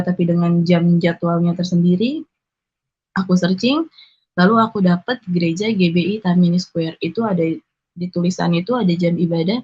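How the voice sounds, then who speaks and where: Woman, 20s; emotional first-person testimony, breathy tone, dull recording. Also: fairly low pitch, dark tone. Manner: earnest, emotional retelling with quoted dialogue. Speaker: convert giving testimony. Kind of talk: personal testimony, casual storytelling.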